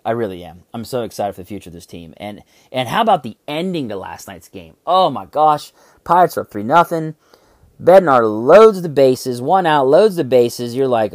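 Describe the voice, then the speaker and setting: A man hosting a casual sports podcast, talking in an excitable, rambling way with restarts and some swearing. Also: mid-range voice, no echo, studio quality. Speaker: podcast host.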